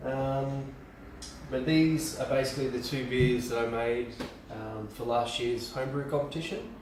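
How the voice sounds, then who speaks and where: A man's voice: mid-range voice, normal speed, darkish tone, a little hiss or hum. Man, home brewer, casual how-to talk, rambling, far from the mic, echoey room. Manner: rambling, lots of ums and restarts. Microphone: camera from a distance. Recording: roomy and distant camera mic.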